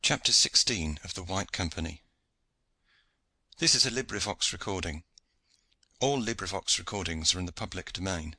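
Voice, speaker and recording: A man reads a classic adventure novel aloud in steady, clear narration. His voice sits low, with a very bright, sharp edge, and the sound is dry and close with no room echo. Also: moderate pace, long pauses. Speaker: audiobook narrator. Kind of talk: scripted narration.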